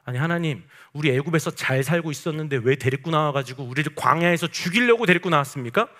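A man's voice: fairly high pitch, fast talker, a bit bright, lightly acted. A man voicing complaining ancient wanderers who accuse their god.

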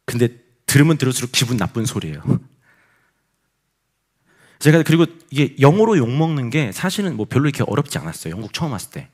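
Husky, animated male pastor. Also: mid-range voice, quick pace. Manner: animated storytelling, acts out inner voices and quotes. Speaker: pastor and missionary. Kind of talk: sermon testimony.

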